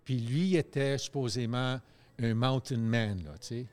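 A man, telling stories in a loose, animated way on a radio chat show, full of fillers and restarts. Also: medium pitch, unhurried, smooth.

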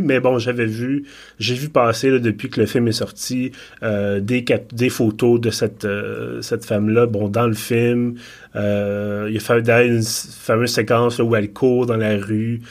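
A man in his thirties with a Quebec French accent, discussing a film thoughtfully, often stopping to restart his sentences. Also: medium pitch. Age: 30s. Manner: thoughtful, halting with repeated restarts.

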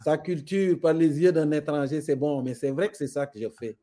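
Middle-aged guy from senegal, senegalese french accent, bit high voice, thoughtful, talks with conviction. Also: normal speed, dark tone. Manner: thoughtful, tells parables, speaks with conviction. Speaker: guest. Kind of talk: reflective conversation.

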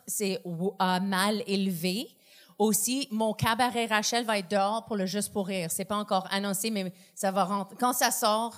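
A woman guesting on a casual comedy podcast, effusive and prone to loud outbursts. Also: mid-range voice. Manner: effusive, bursts into loud exclamations.

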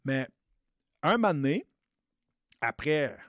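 Speaking slowly with big swings in pitch, a late-thirties personal trainer with a Québécois French accent spins a relaxed, chatty yarn for a storytelling podcast, sprinkling in English slang. His voice is a little high and a bit bright, and the recording is dry and studio-clean.

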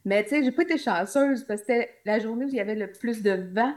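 A woman's voice: a little high, quick pace, darkish tone. A woman with a Québécois French accent, a podcast guest telling travel stories in casual chat, with jokey asides. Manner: chatty storytelling, jokey asides.

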